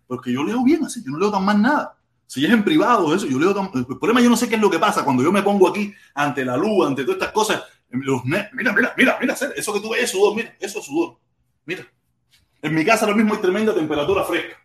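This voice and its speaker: A man with a Cuban accent hosting a casual live stream from home, animated and repeating his phrases as he reads viewer comments aloud. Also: sits high, fast. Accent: Cuban Spanish. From Cuba. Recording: roomy echo.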